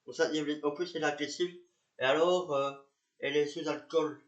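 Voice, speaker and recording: A man's voice: a little high, fairly even intonation, fairly quick, muffled recording. A man narrating and playing a police officer, talking hesitantly with many fillers and repeats. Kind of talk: amateur reenactment of police patrol. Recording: echoey room.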